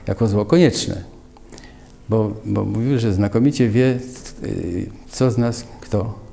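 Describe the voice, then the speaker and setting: A man's voice: lowish voice, slow pace, gravelly, mellow. An older man, a former ship officer, speaking thoughtfully about his teacher in a documentary interview.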